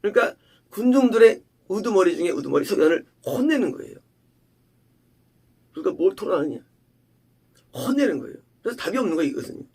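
Gravelly, husky male pastor preaching. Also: high voice, very animated, quick pace, long pauses. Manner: emphatic preaching with rhetorical questions, swinging from loud to hushed. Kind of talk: sermon.

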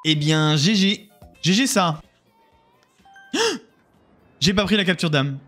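Over music, a man with a high-leaning voice live-streams a video game, speaking slowly. He jokes with his chat in a casual, exclamatory style as he gives his gaming commentary.

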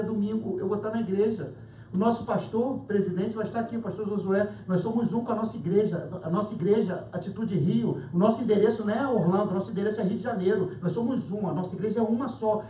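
A male pastor preaches through a story, jumping between his own voice and the voices of others, and laughs as he goes. His voice sits high for a man. It is heard from a distance in a roomy church hall with a faint hiss behind it. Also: a little mellow. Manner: emphatic, chatty, acts out dialogue, laughs often. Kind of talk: sermon storytelling.

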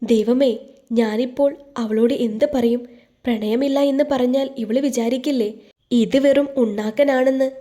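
A nervous young husband speaks in a soft, intimate murmur, as a woman narrator puts him on. The voice is mellow and warm rather than bright, pitched somewhat high. This is storybook romance told in one reader's voice. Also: fairly even intonation, normal speed, close to an everyday voice. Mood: anxious.

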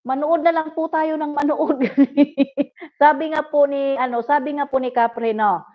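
A woman's voice: sits high, fairly even intonation, measured pace. A middle-aged woman hosting a livestream, chatting casually and politely with viewers and giggling often. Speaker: livestream host. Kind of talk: casual live chat reading viewer comments. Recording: dull lo-fi livestream audio.

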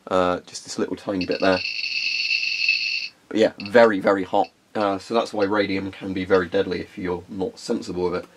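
A young male hobbyist video host with a congested, phlegmy voice casually demonstrates equipment in a carpeted room. He rambles with frequent ums, his low voice delivered flatly at a moderate pace.

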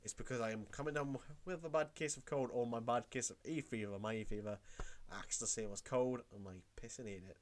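Talking a little fast at medium pitch, a young man from Wales who has a cold records a casual tutorial vlog in his room. As a YouTuber, he rambles and says things more than once.

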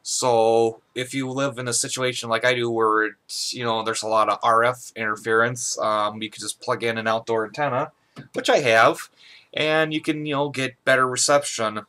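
A young man hosts a hobbyist video, chatting casually and a little hesitantly through an informal product review in a small bedroom. His mid-range voice is bright and forceful, level in tone, at a moderate pace.

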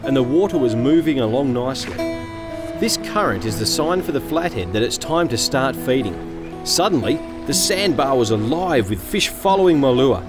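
An Australian man narrates a fishing show in scripted voice-over. His delivery is lively and swings up and down in pitch. Loud plucked guitar music plays under him. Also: normal speed.

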